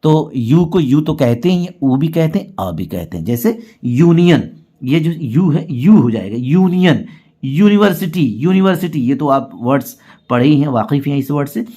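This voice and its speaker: A man's voice: a little high, animated, moderate pace, mellow. A man teaching English letter sounds in a patient spoken lesson. He says each example word several times and keeps asking the viewer to pay attention. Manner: often asks the viewer to notice and checks agreement.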